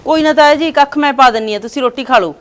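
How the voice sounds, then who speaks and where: Woman doing a sweet obliging young bride, high and brisk. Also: lightly acted. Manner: polite, obliging. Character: dutiful young daughter-in-law, gentle.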